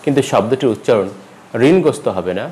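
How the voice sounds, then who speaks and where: A man giving a pronunciation lesson, repeating each word slowly and carefully, with a rise in pitch at every new word. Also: poor audio. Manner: lively teacherly stress, rises at each new word. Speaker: language teacher.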